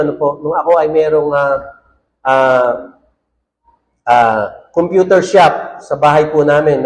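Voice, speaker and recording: A man preaches a sermon in a fairly high, slightly mellow voice, and the audio quality is poor. As a pastor, he keeps asking the congregation "ano po?" and reads verses aloud in English. He works English quotes and phrases into his preaching.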